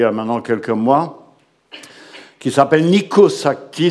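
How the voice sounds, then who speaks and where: A middle-aged man informally introducing guests and interpreting for a congregation, hesitant and conversational, often checking in with little tags. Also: on the high side. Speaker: church host and interpreter.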